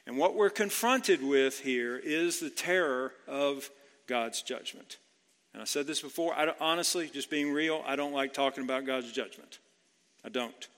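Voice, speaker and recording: A pastor giving an earnest expository sermon, teaching verse by verse and asking rhetorical questions. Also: male voice, medium pitch, sharp tone. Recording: long hall reverb.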